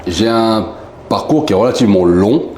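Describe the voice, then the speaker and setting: Company founder from Marseille, low voice, easygoing storyteller, roomy sound with faint noise. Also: male voice, moderate pace. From southern France, Marseille. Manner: relaxed, rambling storyteller with many fillers. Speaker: company founder, interview guest. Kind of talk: casual interview chat. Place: indoor bar room. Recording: echoey room, faint background noise.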